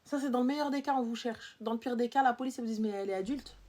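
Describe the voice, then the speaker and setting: A young woman on a live stream, scolding her viewers in an animated rant full of rhetorical questions, swinging from loud outbursts to low muttering. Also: rapid-fire. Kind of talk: ranting live-stream monologue.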